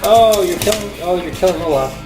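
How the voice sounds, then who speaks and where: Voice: mid-range voice, expressive, a little fast. A parent chatting casually and playfully with young children, encouraging them and asking lots of questions. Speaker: parent vlogger. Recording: roomy echo with loud music behind.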